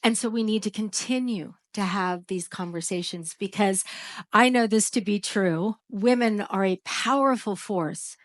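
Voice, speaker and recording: A woman's voice: medium pitch, a little slow. A woman corporate brand executive speaking confidently and emphatically on a panel. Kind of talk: panel discussion.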